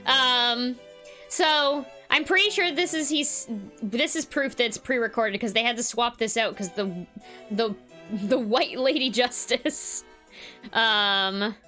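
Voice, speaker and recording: A woman's voice: a little high, takes it slowly, pushed and bright, soft background music. A woman giving casual, chatty, informal gameplay commentary as a streamer. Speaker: streamer reading a game aloud.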